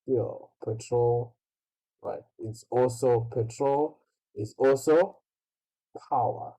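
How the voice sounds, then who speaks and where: Man, online English teacher, husky, dark-toned, slow, repetitive check-ins. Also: medium pitch, rough recording. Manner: slow, repeats "right?" constantly.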